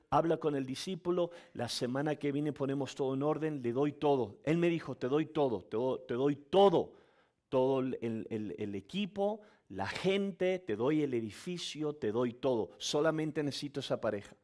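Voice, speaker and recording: A man preaches a sermon with animated storytelling. He acts out voices as he tells his story, and his pitch sits a little high for a man. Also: normal speed, few pauses. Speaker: pastor.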